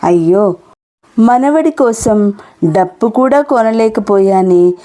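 A woman's voice: mid-range voice, expressive, takes it slowly, dark tone. A woman voicing a poor, hardworking elderly grandmother who talks fondly in plain village speech. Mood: dejected.

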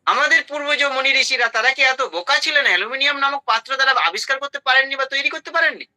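A man's voice: very high-pitched, rapid-fire, sharp tone, low-quality recording. A man giving a health talk to an audience, emphatic, listing items in short bursts and asking rhetorical questions. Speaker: health speaker.

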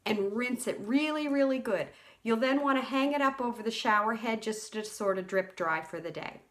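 A woman in her forties explains step by step, chatty and down to earth, often doubling words for emphasis. Her voice sits a touch high. She is seated in a small room, talking straight into a webcam. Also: fairly bright tone. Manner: chatty, practical, repeats for emphasis. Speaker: sleep clinic CPAP educator. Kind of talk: casual how-to demonstration.

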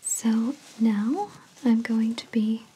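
A woman whispering as a spa therapist in an ASMR roleplay, soft, soothing and attentive as she walks a client through a treatment. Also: on the high side, takes it slowly, slightly rough, low-quality recording.

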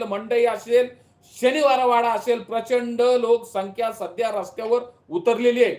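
A man making an urgent, pleading public appeal to the camera, repeating his warnings. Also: very high-pitched. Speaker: local political leader giving a public warning. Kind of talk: impassioned direct-to-camera appeal. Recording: echoey room.

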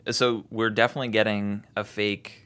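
A man's voice: on the low side, level tone, moderate pace, bright, forceful tone, clear, resonant tone. A young man co-hosting a podcast, laid-back and joking in casual chat. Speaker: podcast co-host.

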